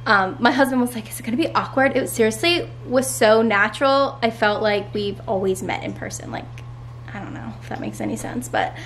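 Young mom vlogger, chatty and upbeat, fillers galore, slightly high voice, faint background noise, filming at home. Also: female voice, very animated, a little fast, a bit bright. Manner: chatty, bubbly, many fillers like "like" and "um". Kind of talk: casual vlog chat to camera. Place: family home.

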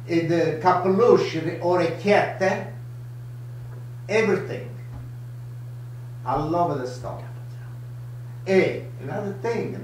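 A man's voice: high-pitched, slight background noise. Old italian guy cooking live in his kitchen, broken english, kinda far off mic, super echoey. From Italy. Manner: broken English, lively, gestures a lot. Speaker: home cooking host. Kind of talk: live cooking show chat. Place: home kitchen, indoors. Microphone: camera across the counter.

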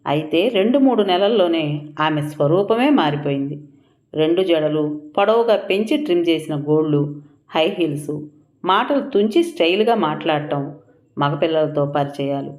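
A woman reading a first-person audio story aloud, with measured, expressive narration and acted dialogue. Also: low voice.

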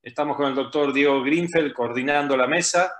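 A man's voice: medium pitch, brisk, a bit bright. A middle-aged man hosting a webinar, welcoming everyone formally. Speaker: host. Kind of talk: webinar opening. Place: home office, video call. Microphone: laptop webcam mic. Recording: echoey room.

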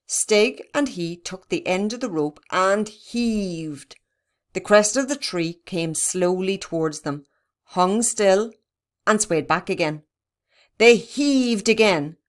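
A woman's voice: mid-range voice, animated, takes it slowly. Woman reading a children's story. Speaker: reader. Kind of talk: scripted children's story narration.

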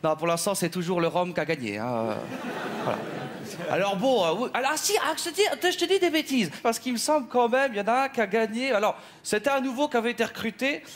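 A man's voice: high voice, animated, fast. A man playing a chatty, gossiping middle-aged housewife in a stage comedy sketch, rambling and full of asides. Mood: gossipy.

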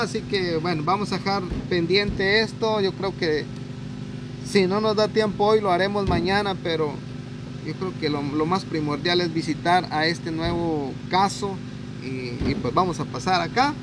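A man in his thirties with a Guatemalan accent, hosting a charity vlog outdoors, earnest and speaking straight to viewers. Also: high voice. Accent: Guatemalan Spanish. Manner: earnest, religious phrases, addresses viewers. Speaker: host of a charity video channel. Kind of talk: casual vlog narration and interview. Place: outdoors in a rural yard under trees. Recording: outdoor recording with traffic noise.

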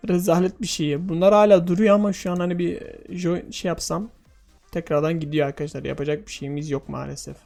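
A man casually commentating a game for his viewers, excitable and often exclaiming and laughing. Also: on the high side. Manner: addresses viewers directly. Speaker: gaming video host.

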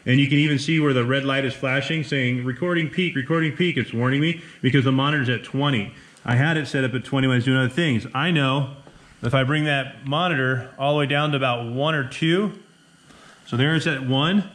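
With a brisk delivery and a fairly bright mid-range voice, a middle-aged American man explains a hands-on radio hobby task while seated at a table indoors. The recording clearly picks up room noise behind him.

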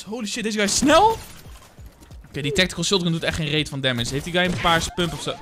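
A young Dutch man reacting to gaming clips, with loud excited bursts and laughter, mixing in English slang. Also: high-pitched. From Netherlands. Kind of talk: casual reaction commentary.

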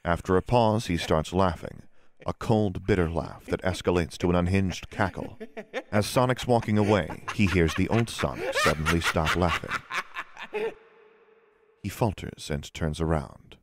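Deep-voiced man reading scene directions. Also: a little slow, slight background noise. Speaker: narrator. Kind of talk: scripted narration of stage directions.

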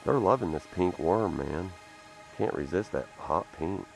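A man with a Southern US accent, talking excitedly to viewers while fishing from a creek bank, recorded on a head-mounted camera. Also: deep voice, unhurried, vocal fry, soft background music. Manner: excitable, exclaiming over catches, talking to viewers. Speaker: fishing vlogger. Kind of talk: casual outdoor commentary while fishing.

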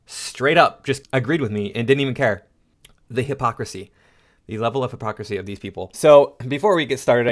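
Speaking at a medium pitch, this middle-aged American man hosts a channel and shares indignant, casual opinions. He often stops short and says things twice.

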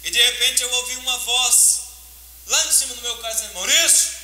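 A man preaching with fervour in a high, very bright voice that rings out, jumping from loud cries to near-whispers. His sermon echoes through a roomy church sanctuary over a faint hiss. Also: little pitch movement, fairly quick. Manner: fervent, emotional preaching with sudden loud and soft swings. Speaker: pastor.

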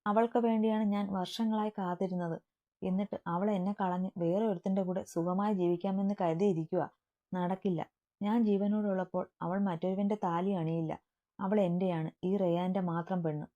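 A woman's voice: medium pitch, steady tone, moderate pace, warm tone, lightly acted. A woman voicing an obsessive, possessive young man muttering bitter threats, in a dull lo-fi recording.

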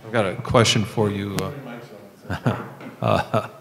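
A man, a board member, asking questions in a public meeting with halting restarts. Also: fairly low pitch, steady tone, vocal fry, loud music behind the voice. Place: large meeting room. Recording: long reverb, faint ambient noise.

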